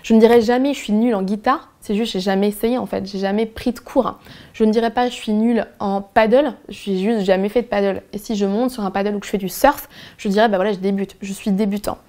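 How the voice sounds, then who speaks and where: Woman, English teacher, casual video lesson, frank and encouraging, mellow tone. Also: mid-range voice, fairly even intonation, fast talker. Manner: frank, encouraging, chatty with many fillers.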